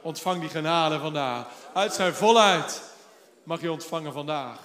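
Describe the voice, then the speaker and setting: A high-pitched man delivers a fervent sermon as a pastor, pushing toward loud, emphatic declarations. His voice rings through a roomy hall with a long, trailing reverb. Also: a little slow. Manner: fervent preaching with rising exclamations.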